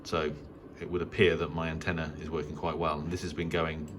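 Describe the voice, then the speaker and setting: With a bass voice that barely shifts in pitch, a middle-aged English amateur radio hobbyist talks fairly quickly through an unscripted tour of his indoor home radio shack. His manner is hesitant, understated, and rambling, full of trailing asides, with background noise present.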